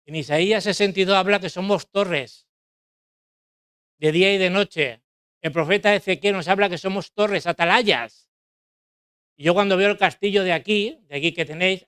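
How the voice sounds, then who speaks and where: A man's voice: sits high, fairly bright tone, clear, resonant tone, no echo, clean studio sound. A middle-aged man preaching a sermon in a church, emphatic, repeating key phrases and asking rhetorical questions.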